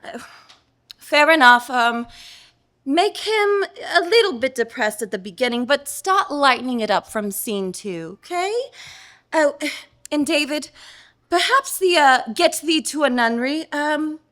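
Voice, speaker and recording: A woman playing a stage director giving brisk notes to her cast at rehearsal. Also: sits high, expressive, a bit bright. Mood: instructing.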